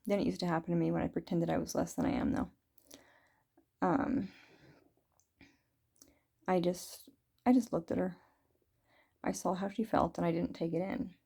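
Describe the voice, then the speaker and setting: A woman in her thirties talking through her feelings in a rambling, reflective video diary, full of fillers and soft laughs. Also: on the low side, very animated, moderate pace, vocal fry, pauses often, breathy edge. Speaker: vlogger. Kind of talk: reflective personal diary talk.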